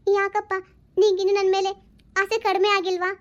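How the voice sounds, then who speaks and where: A woman's voice: little pitch movement, moderate pace, dull audio. A woman doing a frightened, pleading young mother. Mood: despairing. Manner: tearful, pleading, high and thin. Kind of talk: amateur audio family drama.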